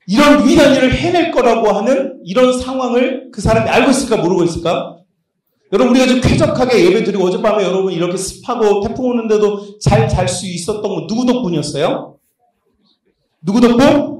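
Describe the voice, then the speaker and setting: A man preaching a lively sermon as a pastor, joking and quizzing his congregation while moving around the room. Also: high voice. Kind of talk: lively sermon at a youth retreat. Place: large church hall. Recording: very echoey hall, voice from a distance.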